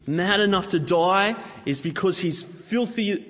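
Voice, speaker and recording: A man's voice: sits high, unhurried, fairly bright tone. A man preaching a sermon, telling stories casually and acting out what people say. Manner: casual storytelling with acted-out quotes. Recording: long hall reverb.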